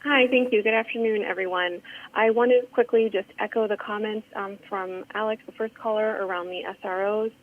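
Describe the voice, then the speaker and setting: A woman's voice: mid-range voice, steady tone, a little fast. A woman calling in by phone to a council meeting, speaking earnestly with many ums and restarts. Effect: phone call. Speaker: public comment caller. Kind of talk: public comment. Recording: tinny phone line.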